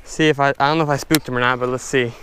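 A young man casually narrating his fishing from a stand-up paddleboard on a lake, chatty and excitable, talking to his viewers. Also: medium pitch, very fast, a little hiss or hum. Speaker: fishing vlogger. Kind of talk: casual outdoor commentary. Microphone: head-mounted action camera.

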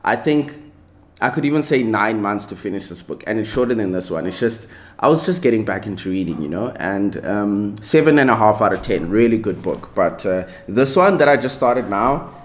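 A man's voice: lowish voice, lively intonation, normal speed. A young man, chatting casually to a handheld camera in a vlog, rambling with self-joking asides. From South Africa. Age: young adult. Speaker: vlogger. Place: home indoors, then an outdoor farm venue. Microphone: camera held at arm's length.

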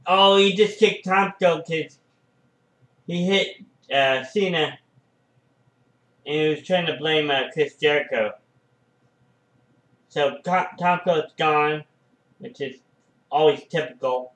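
Excitable man doing slow fan commentary. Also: on the high side, roomy sound, poor audio. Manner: excitable, frequent "oh" and "uh" fillers. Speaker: fan commentating a wrestling match.

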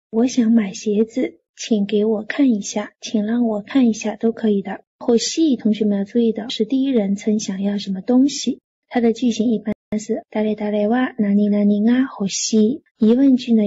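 A woman lecturing on grammar to a class, reading example lines and then breaking them down step by step. Her voice sits a little high, with a mellow, slightly husky tone. The recording is dull and lo-fi, like an old lecture tape. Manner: explains patiently, reads Japanese lines then translates. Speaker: Japanese language teacher.

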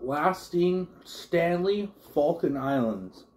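A man's voice: on the high side, expressive, takes it slowly, darkish tone. A man in a casual mukbang vlog, chatting in a rambling way while chewing his food. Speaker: vlogger.

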